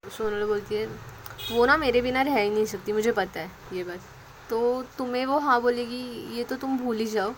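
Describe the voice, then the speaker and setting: Woman, lively storyteller, slightly high-pitched, faint background noise. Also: poor audio. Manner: lively, voices characters' lines with rising energy. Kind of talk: narrated story with dialogue.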